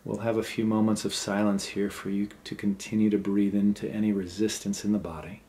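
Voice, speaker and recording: Guiding a meditation, a man with a fairly low voice speaks gently and unhurriedly, leaving pauses between short phrases. His delivery is flat and unscripted, as though he finds each instruction along the way.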